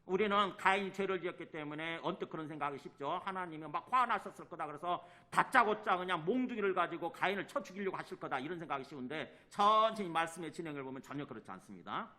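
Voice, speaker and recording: Animated, bright-voiced male preacher. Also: fast, few pauses. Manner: animated preaching, acting out quoted lines with rising pitch; asks the congregation questions and answers them himself. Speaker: pastor. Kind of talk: sermon.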